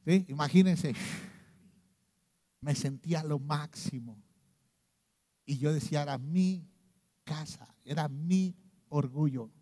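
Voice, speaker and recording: A middle-aged man with a Mexican accent preaching a sermon, swinging between loud outbursts and hushed low lines. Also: takes it slowly, long pauses. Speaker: pastor. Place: church. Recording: long reverb of a church hall.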